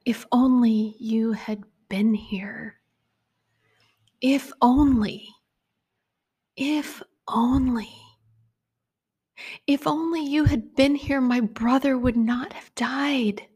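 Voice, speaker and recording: A woman's voice: on the high side, steady tone, drawn-out words, long pauses, dark tone, breathy edge, full character voice. A woman voicing a grieving sister mourning her dead brother, repeating herself in a breaking, tearful whisper. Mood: anguished.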